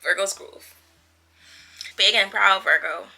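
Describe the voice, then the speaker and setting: Speaking slowly at a medium pitch, a woman with vocal fry and a sharp edge to her voice talks casually to her audience. She's a YouTuber and vlogger from the Bahamas, twenty-seven, playful, gushing and slangy.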